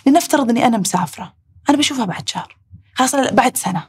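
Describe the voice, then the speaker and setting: A woman with a Saudi accent hosting a heartfelt talk, reflecting aloud in rushed bursts. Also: fairly high pitch, lively intonation, breathy edge. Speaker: podcast host.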